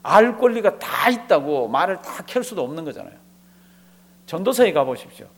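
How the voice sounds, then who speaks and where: A man's voice: high-pitched, very animated, normal speed. A man preaching a sermon as a pastor, asking the congregation rhetorical questions and acting out bits of dialogue as he tells a story.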